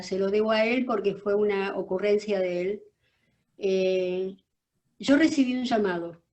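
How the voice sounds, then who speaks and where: An older woman with a Rioplatense Spanish accent, a guest telling her personal story in an interview from her office, emphatic and animated, restarting phrases as she goes. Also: a little high, dull audio.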